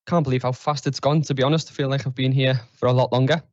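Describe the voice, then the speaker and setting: A man's voice: medium pitch, steady tone, fast, darkish tone, dry recording. Guest: young man, Liverpool accent, modest and open, dry slightly dull podcast sound. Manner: modest, candid, chatty. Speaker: guest, tech trainer. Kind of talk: casual interview answers.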